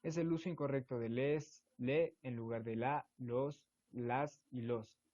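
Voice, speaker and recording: A man's voice: mid-range voice, steady tone, unhurried, warm tone. A man, a student presenter, reading definitions and examples evenly from a school presentation. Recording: dull lo-fi recording.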